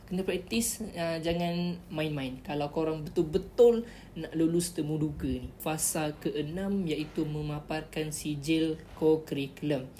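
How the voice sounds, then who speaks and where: A woman with a mellow voice on the low side shares interview tips in a relaxed tutorial vlog. She's chatty yet instructive, repeating key words as she goes, and there's a faint hiss or hum.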